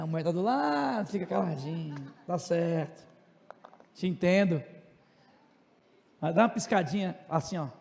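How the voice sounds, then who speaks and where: A man with a Tocantins Brazilian accent teaching a class in a joking way, talking loud and fast with asides to his students. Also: high-pitched, vocal fry. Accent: Brazilian Portuguese, Tocantins region. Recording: long reverb of a classroom.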